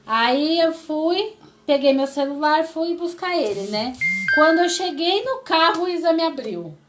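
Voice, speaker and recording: A woman's voice: high-pitched, a little slow. Brazilian woman in her 30s, storytelling, does the voices of people she quotes, bit of background hiss. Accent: Brazilian Portuguese. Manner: lively, acts out quoted voices, laughs often. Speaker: interview guest sharing a testimony. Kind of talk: emotional personal storytelling.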